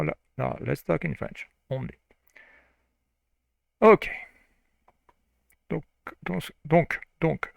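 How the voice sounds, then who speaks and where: A man with a heavily gravelly, creaky voice leads a read-along language lesson at an unhurried crawl. He repeats phrases and breaks off to explain grammar points. The sound is close and dry. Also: fairly high pitch, no room sound. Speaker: French reading tutor.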